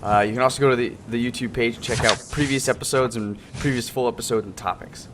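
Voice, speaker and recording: A man's voice: fairly even intonation, fast. A man hosting an online panel show in a casual, informal, rambling way over a group call. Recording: noisy, low background rumble.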